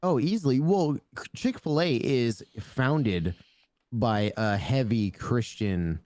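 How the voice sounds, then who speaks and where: A man's voice: medium pitch, takes it slowly, a little mellow, no room sound, clean studio sound. A young man co-hosting a casual podcast, joking, swearing and wandering off on tangents. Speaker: podcast co-host. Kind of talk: casual chat.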